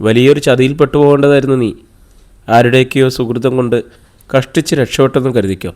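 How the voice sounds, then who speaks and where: A man's voice: medium pitch, steady tone, quick pace, darkish tone, natural voice. A man reading the part of a preachy older sister who lectures her brother with sarcasm. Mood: lecturing.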